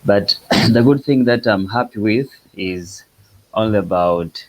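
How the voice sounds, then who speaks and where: A man with a Tanzanian accent speaking haltingly in an online meeting, pausing often. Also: on the low side, poor audio. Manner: halting, many hesitations. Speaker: summit participant. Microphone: video call. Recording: video call with loud hum.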